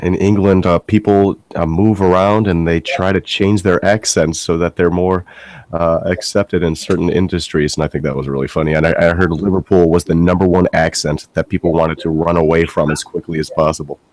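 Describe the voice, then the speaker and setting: This male podcast host has a low, deep voice. He speaks in a casual interview manner, with some hesitant fillers. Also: level tone, fairly quick, darkish tone, no room sound.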